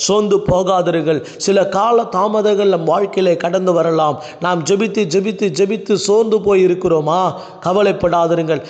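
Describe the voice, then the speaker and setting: Male pastor, high voice, earnest consoling sermon, dull recording with a long echo. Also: darkish tone. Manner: earnest, consoling, repeats phrases for emphasis.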